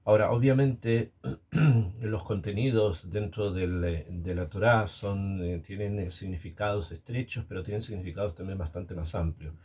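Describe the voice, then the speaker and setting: A man giving a spoken Torah lesson, pausing often with fillers and restarting his sentences. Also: deep voice, steady tone, darkish tone, breathy edge. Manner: hesitant, many fillers and restarts. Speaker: Torah teacher.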